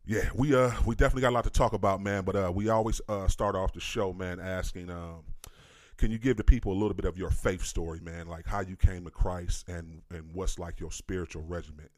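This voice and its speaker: A man's voice: low-pitched, fairly even intonation, fairly quick, no echo, studio quality. A male podcast host, laid-back and casual, interviewing a guest and calling him man and brother.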